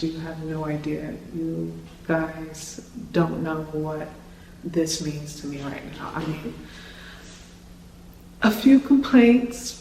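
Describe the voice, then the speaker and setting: A young adult vlogger gushing with excitement during an apartment tour, the voice echoing off the bare walls of an empty, unfurnished room. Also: mid-range voice, slight background noise. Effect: echo of an empty, unfurnished room. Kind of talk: casual vlog apartment tour. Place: empty studio apartment indoors. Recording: echoey empty room, distant mic.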